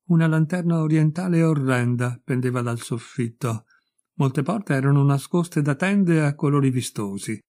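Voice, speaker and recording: A man's voice: on the high side, moderate pace, a little mellow. Man reading a short story aloud. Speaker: audiobook reader. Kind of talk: scripted narration of a short story.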